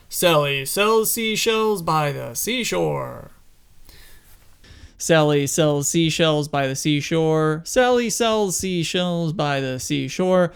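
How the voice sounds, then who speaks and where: A man giving a casual camera review, reading a test phrase over and over in a measured way, in an ordinary room with a window. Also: on the high side, vocal fry, a bit bright, smooth.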